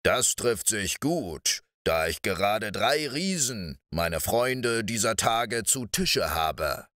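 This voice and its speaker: Guy doing a big gruff man-eating giant, low, slow, menacing. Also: lively intonation, fairly bright tone, no echo, clean studio sound. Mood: gloating.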